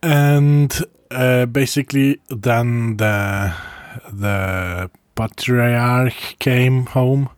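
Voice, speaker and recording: A man speaking in a casual first-person travel diary, halting, with frequent pauses and restarts and soft chuckles between phrases. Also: medium pitch, no echo, studio quality. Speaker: traveler recording a video diary.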